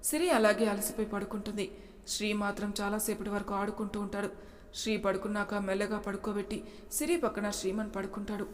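A woman storyteller narrating a serialized family drama in a steady, plain reading voice. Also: medium pitch, a little fast, big-room sound.

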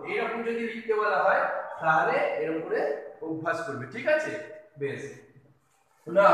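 A man's voice: high voice, pushed and bright. A man teaching a kindergarten video lesson, patiently spelling out letters and words one by one. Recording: echoey room from a distance.

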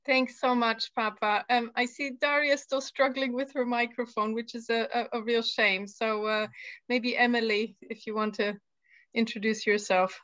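A woman's voice: on the high side, steady tone, normal speed, fairly bright tone, dry recording, dull audio. A woman from Germany hosting a live video call as a tour guide, friendly and with frequent fillers. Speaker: UN tour guide, session host. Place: home room, indoors. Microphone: laptop video call.

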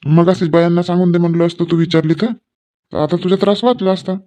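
Placating rustic husband. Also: male voice, high-pitched, fairly even intonation, fast talker, mellow. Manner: coaxing, placating, rustic banter. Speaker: sketch actor playing a village husband. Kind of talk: comic village sketch dialogue.

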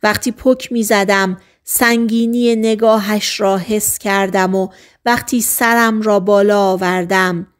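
A woman narrating a novel as an audiobook, in a soft, hushed, often half-whispered voice with slow, deliberate phrasing. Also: medium pitch, steady tone.

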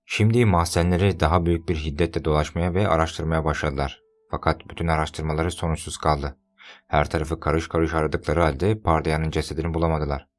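A man narrating an audiobook in a steady, measured reading. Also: a bass voice. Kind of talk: scripted narration.

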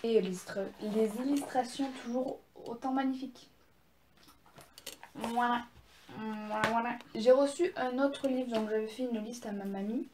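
A woman's voice: on the high side, normal speed, echoey room, noisy background. A young woman casually showing her presents, chatty and gushing, with many fillers and restarts. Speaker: vlogger. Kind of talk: casual haul video.

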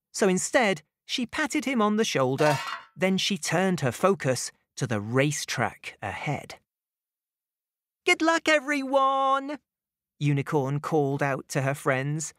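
Woman reading a kids story, low-ish voice, slow and sing-song, dry close mic. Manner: expressive, gentle and unhurried. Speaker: narrator. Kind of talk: children's storybook narration.

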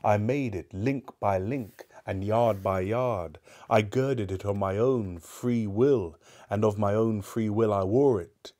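For a storybook reading, a man voices the ghost of a dead businessman, grave and doomed. His pitch is fairly low, his pace slow, and his tone dark, solemn and woeful.

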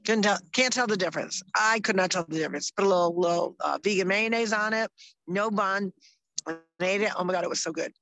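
A woman's voice: medium pitch, brisk, a bit bright, no echo, poor audio. A woman co-hosting a casual podcast chat, upbeat and chatty, often losing her train of thought. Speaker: co-host. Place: outdoors in the mountains.

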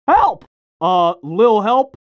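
Squeaky panicking victim, silly redub. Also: male voice, very animated, moderate pace, no room sound, dull audio, heavily acted. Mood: panicky. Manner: pleading, wailing. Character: panicky, whining, helpless little victim, comically suffering. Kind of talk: silly parody redub with mismatched game-character lines.

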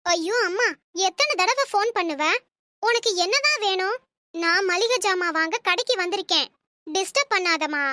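Cartoon young wife: anxious, defensive, very high and bright. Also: female voice, animated, moderate pace, no echo, exaggerated voice. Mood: irritated. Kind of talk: cartoon voice acting.

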